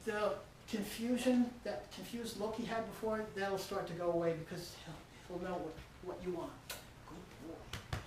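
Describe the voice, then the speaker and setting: A woman dog trainer calmly explaining her training and patiently encouraging a dog with frequent praise. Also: mid-range voice, moderate pace, few pauses, echoey room, recorded from a distance, slight background noise.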